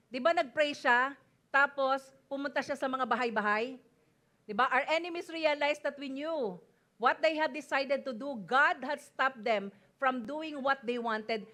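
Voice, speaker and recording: A woman's voice: high-pitched, unhurried, pushed and bright. A woman pastor with a Filipino accent preaching a sermon in mixed Tagalog and English, emphatic and often calling out to the congregation for an amen. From Philippines. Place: church service before a congregation.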